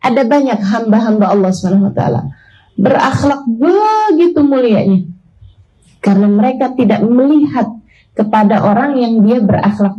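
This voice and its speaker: A woman's voice: medium pitch, dark tone, highs cut off. An Indonesian woman in her forties, an Islamic preacher giving a sermon to a women's audience in a conversational way, with everyday examples and asides. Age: 40s. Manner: addresses listeners as sisters.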